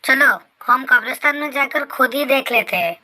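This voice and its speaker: A woman's voice: high voice, expressive, normal speed, pushed and bright, heavily acted. A woman voicing a reckless teenage boy in a Hindi horror story, who ends up pleading in fear. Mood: scoffing. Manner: pleading, apologetic.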